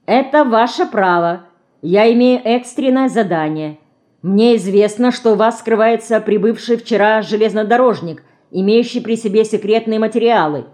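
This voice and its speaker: A woman's voice: fairly high pitch, moderate pace, darkish tone, voice pushed up, close to an everyday voice. A woman reading the part of a pompous, officious male police detective in an audiobook, formal and bureaucratic, shrieking when frightened. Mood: stern, officious.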